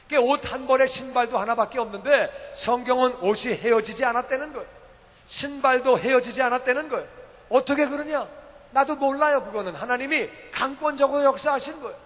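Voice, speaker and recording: A man preaching in a church sanctuary, his high voice trailing off into a long reverb. He retells a story in simple words, repeating phrases and firing rhetorical questions at the congregation. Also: a little fast, a bit bright. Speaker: pastor. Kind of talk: sermon.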